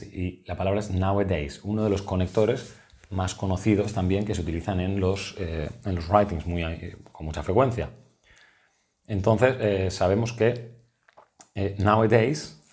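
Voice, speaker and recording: A man with a Spanish accent walks through exam questions as a tutor, his voice sitting fairly low. He explains each answer patiently and methodically, pausing often to check that his listeners are following. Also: darkish tone.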